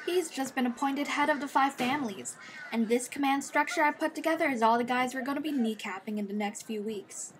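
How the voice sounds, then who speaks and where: A woman's voice: high-pitched, fairly quick, slight background noise, lightly acted. A woman playing a brash, tough schoolgirl vigilante in a comic dub, matter-of-fact and foul-mouthed. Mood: cocky, eager. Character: brash, tough schoolgirl vigilante, fiercely devoted to late father. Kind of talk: comic dub narration and dialogue. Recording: music behind the voice.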